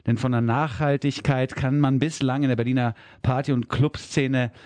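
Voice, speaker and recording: A man hosting a radio interview in a studio, asking questions and chatting in a relaxed, conversational way. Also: mid-range voice, moderate pace. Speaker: radio host.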